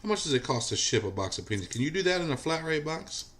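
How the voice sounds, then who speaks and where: A man's voice: fairly high pitch, very animated, fast, fairly bright tone. A man in his forties hosting a casual livestream, chatting with viewers and answering their comments by name. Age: 40s. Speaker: livestream host.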